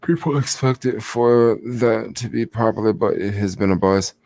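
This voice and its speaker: Young dude livestreaming stock picks, kinda sleepy, lowish voice, rambly, lots of likes and you knows. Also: male voice, steady tone, moderate pace, vocal fry, darkish tone. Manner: rambling, lots of fillers, reacts to chat. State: sleepy, yawning. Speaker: stock vlogger. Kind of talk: casual livestream chat about stocks.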